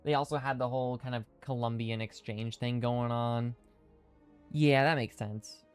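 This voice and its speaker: Guy streaming a game, mid pitch, talking thru his plays w/ retainers in, bit of music behind. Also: steady tone, normal speed, smooth. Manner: thinking aloud, chatty, reads chat comments. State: wearing dental retainers, slightly hindered speech. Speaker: streamer playing a video game. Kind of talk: casual live-stream commentary.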